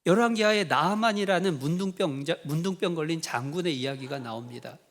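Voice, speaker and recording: Male pastor, fairly high voice, preaching; animated storyteller voicing the characters' lines. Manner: storytelling with acted quotes, rising to animated emphasis. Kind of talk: sermon.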